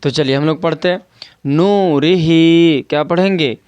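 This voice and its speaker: A man's voice: on the high side, fast, no room sound, lo-fi sound. Patient man drilling Quran reading syllables. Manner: asks rhetorical questions to students. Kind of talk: online Quran reading lesson.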